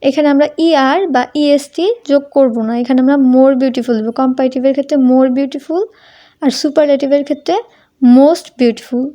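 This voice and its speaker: High-voiced woman teaching grammar. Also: fairly even intonation, normal speed, mellow, dull audio. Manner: asks students questions and answers them herself; addresses students informally as tumi. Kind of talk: Bengali-language grammar lesson.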